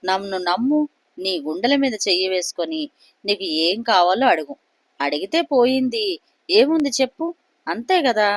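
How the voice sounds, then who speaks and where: A woman's voice: medium pitch, sing-song, moderate pace, no room sound. A storybook goddess speaks with a motherly, half-scolding coaxing as she urges a man to ask for his wish, voiced by a woman narrator. The voice is dry and close. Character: indulgent goddess granting a boon, coaxing, maternal.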